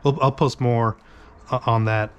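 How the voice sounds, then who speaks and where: Nasal and congested from a cold, a man with a medium-pitched, fairly even voice hosts a casual car detailing product review demo from his garage. He speaks unhurriedly, rambling with many ums and restarts while mixing product at his workbench. The audio is dull, with slight background noise.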